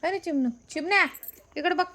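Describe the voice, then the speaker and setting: A woman's voice: extremely high pitch, a little fast, bright, forceful tone. A woman talking to her pet at home in affectionate, coaxing baby talk, sometimes scolding it playfully. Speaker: pet owner.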